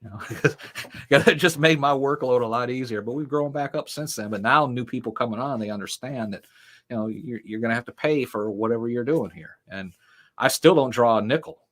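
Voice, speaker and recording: A middle-aged man who founded a ministry talks as an interview guest, his medium-pitched voice a bit bright and fairly quick. He rambles through long stories in casual conversation, filling them with fillers and the occasional laugh.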